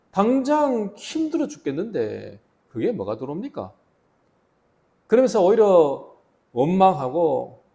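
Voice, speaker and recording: Lively, gravelly-voiced male preacher. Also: on the high side. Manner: animated preaching, voice rising and falling sharply. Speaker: pastor. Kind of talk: sermon.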